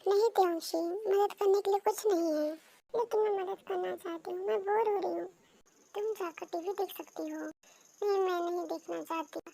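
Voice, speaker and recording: A woman reading a storybook, voicing a moody young wife in soft, sulky tones. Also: extremely high pitch, steady tone, moderate pace, gravelly.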